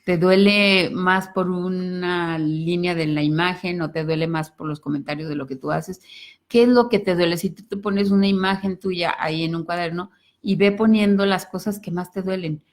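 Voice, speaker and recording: A middle-aged woman, co-hosting a personal growth talk. She gently encourages viewers, speaking to them directly. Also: lowish voice, fairly even intonation, normal speed.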